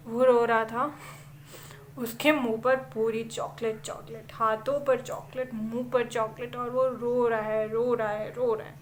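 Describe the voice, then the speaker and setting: A woman telling a childhood story at a storytelling event, dramatic, with pauses and repeated words. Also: a little high, a little hiss or hum. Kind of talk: oral storytelling of a childhood memory.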